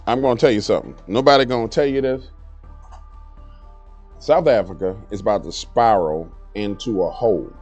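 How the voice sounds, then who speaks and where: A man delivers blunt, emphatic commentary in a very low, dark voice. The recording sounds slightly dull, with faint music underneath. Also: moderate pace. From New Orleans, Louisiana. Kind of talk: casual commentary.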